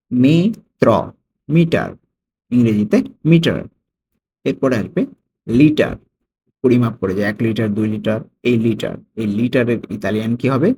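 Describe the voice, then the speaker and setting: A man teaching a vocabulary lesson, repeating each word slowly and stressing the foreign words. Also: medium pitch, mellow, a little hiss or hum. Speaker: language tutor.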